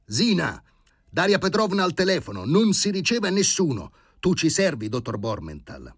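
A man voicing an agitated elderly male surgeon who shouts urgent orders in a high, strained voice. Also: big pitch swings, measured pace, husky, no room sound, clean studio sound, heavily acted. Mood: frantic.

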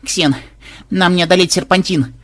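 Man doing earnest young girl, husky, urgent calls, storybook voice. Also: sits high, animated, brisk, fairly bright tone, pitched above the performer's own voice, heavily acted. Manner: urgent pleading cries. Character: anxious, earnest young granddaughter, a rider.

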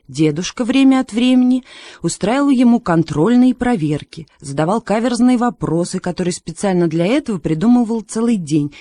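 A woman narrating a story as an audiobook, in a measured, gently ironic way. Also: medium pitch, dry recording. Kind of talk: audiobook reading.

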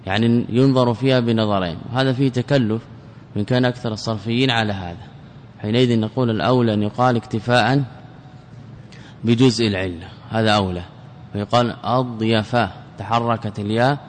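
A male sheikh delivers a methodical grammar lesson at an ordinary middle pitch. He works through each point by asking a question and then answering it himself, often repeating key words. His voice carries a long hall reverb over a faint hum of room noise. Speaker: sheikh teaching Arabic grammar.

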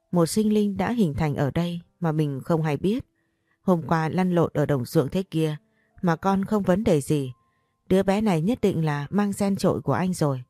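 Woman narrator, low mellow voice, dry close sound, faint music behind. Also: dry recording. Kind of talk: scripted story narration.

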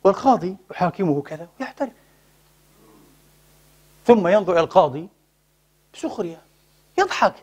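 Impassioned fast-talking male preacher. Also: sits high, expressive, husky. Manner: impassioned, rhetorical questions. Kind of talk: sermon.

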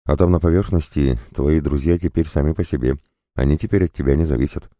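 Guy reading a naive goddess girl, earnest and simple, very low dark voice, dry sound. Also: fast, dry recording. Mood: plain earnest. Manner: simple, earnest, matter-of-fact. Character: naive young goddess of fate, woman.

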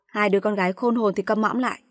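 A woman voicing a brash, abusive young daughter-in-law who sneers and shouts insults. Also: medium pitch, fairly even intonation, quick pace, no echo, studio quality, close to an everyday voice. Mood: sneering.

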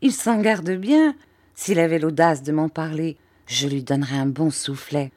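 A woman voicing a devoted, warm-hearted old nursemaid who speaks in blunt, emphatic exclamations. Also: deep voice, unhurried. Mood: laughing, flustered.

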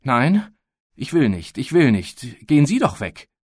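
A man's voice: mid-range voice, big pitch swings, slow pace, no room sound, studio quality, voice pushed up. A man doing a shy, tearful little girl. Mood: tearful pleading. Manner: shy, barely audible, then pleading.

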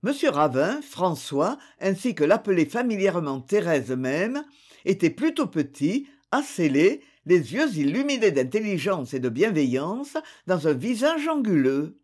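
An audiobook reader giving a measured, expressive literary narration. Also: medium pitch.

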